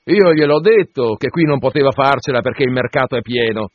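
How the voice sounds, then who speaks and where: Male reader voicing a drawling, sly old-inn landlord, husky, lively lilt, dull lo-fi sound. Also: medium pitch, brisk, no room sound, close to an everyday voice. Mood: teasing. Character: teasing middle-aged male innkeeper, sly and mocking. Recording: dull lo-fi dry recording.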